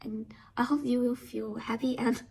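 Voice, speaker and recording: A young woman from Vietnam talking in simple, halting English with a Vietnamese accent, half-whispered, as a casual vlogger. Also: fairly high pitch, flat delivery, creaky, darkish tone, breathy edge, poor audio. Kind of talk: casual vlog talk.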